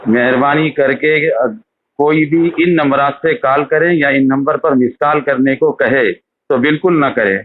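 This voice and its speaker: A man's voice: medium pitch, steady tone. A man from Telangana, calling over a phone line and speaking politely and deferentially. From Telangana, India. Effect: heard over a phone line. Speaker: caller. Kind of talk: phone conversation. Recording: tinny phone call recording with faint hiss.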